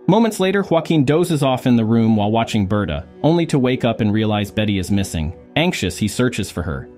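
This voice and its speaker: A man's voice: mid-range voice, darkish tone. A man narrating a film recap in a scripted storytelling style, with swooping intonation.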